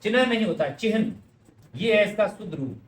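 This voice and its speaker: A man's voice: high-pitched, animated, fast talker, a bit bright, roomy sound, slight background noise. A man teaching correct Hindi spelling, explaining each word patiently and speaking directly to his students.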